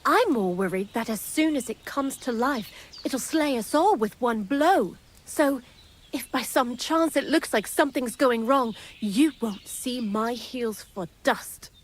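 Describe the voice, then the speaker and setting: An actress voices a chatty, wry young female thief hiding out, the miller's accomplice in a video game. Her voice is a little high and animated, delivered at a measured pace, with a sardonic, talkative edge.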